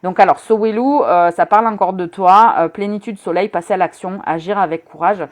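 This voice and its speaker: A woman's voice: medium pitch, fairly quick. A woman giving a casual live-stream rune reading, chatty and teasing, talking straight to her viewers with many hesitant fillers. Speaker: rune reader.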